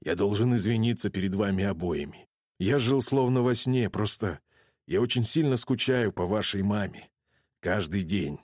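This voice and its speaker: A man voicing a middle-aged father, protective and grieving, who speaks low and gruffly. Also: lively intonation, normal speed, a little mellow, dry recording, studio quality. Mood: remorseful.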